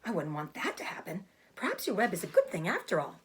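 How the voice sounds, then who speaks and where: A soft-hearted young pig from a storybook, played by a woman, speaks in an earnest, plaintive way. The voice is breathy and animated, naive and easily upset. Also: fairly low pitch, quick pace, exaggerated voice. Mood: surprised.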